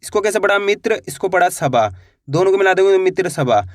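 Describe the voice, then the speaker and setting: A man teaching Hindi reading online, sounding out words slowly syllable by syllable and repeating each rule. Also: high voice, expressive, dry recording, clean studio sound. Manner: slow syllable-by-syllable drilling, repeats rules.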